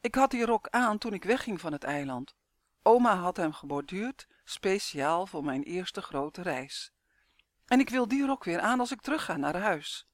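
A lively, excitable mother who pushes her lines up high and exclaims with emphasis, as a male reader puts her on. The read is dry and close, with no room around it. It comes from a storybook told aloud. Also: measured pace, no echo. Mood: wistful. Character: lively grown woman, a boy's mother.

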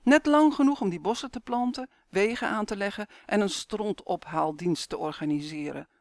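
A man's voice: high-pitched, normal speed, vocal fry, darkish tone, no room sound. A man reading the lines of a patient mother who explains history to her children. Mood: explaining.

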